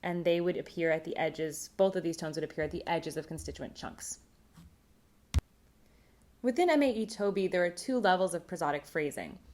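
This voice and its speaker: A woman presenting a recorded academic conference talk on linguistics, explaining terms in a clear, measured way. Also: fairly low pitch, darkish tone.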